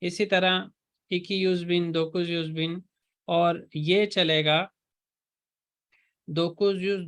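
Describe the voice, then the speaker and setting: A male language teacher, speaking at a deliberately slow pace in a slightly higher voice. He drills each word patiently, saying it again and again while correcting pronunciation. The delivery is calm and methodical. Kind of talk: online class lesson.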